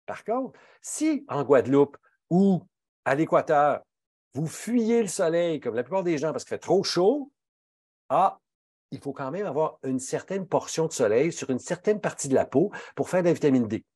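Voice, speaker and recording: Expressive and moderately paced, the man's darkish, slightly rough voice carries a Québécois French accent as he speaks as a pharmacist on health. The clean studio recording has no echo. His manner is emphatic and indignant, with wide swings in pitch.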